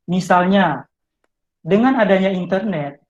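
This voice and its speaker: High-pitched and expressive, this male English tutor talks at a measured pace over lo-fi video-call sound. He explains study tips step by step in an online talk, directly addressing his audience.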